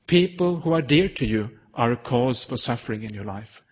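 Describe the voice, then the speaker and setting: Husky-voiced monk telling a teaching story. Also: male voice, mid-range voice, animated. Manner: unhurried, with frequent hesitant fillers. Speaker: Buddhist monk giving a Dharma talk. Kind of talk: storytelling sermon.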